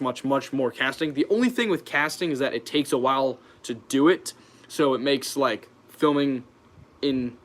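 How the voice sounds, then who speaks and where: In a relaxed livestream Q&A, a young American man who hosts a YouTube channel reads viewers' questions and answers them spontaneously. His mid-range voice is a bit bright, and he comes across as informal and hesitant.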